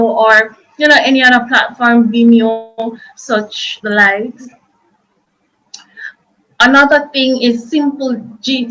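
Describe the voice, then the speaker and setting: A woman's voice: fairly high pitch, a bit bright, rough recording. A woman presenting an informal online workshop, explaining things in a chatty, loose and repetitive way.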